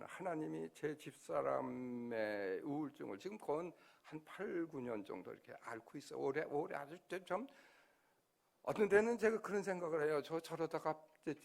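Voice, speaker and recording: Gravelly older man preaching a sermon. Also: a little high. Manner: emotional, acts out prayers and dialogue with God. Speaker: pastor. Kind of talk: sermon testimony. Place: church sanctuary.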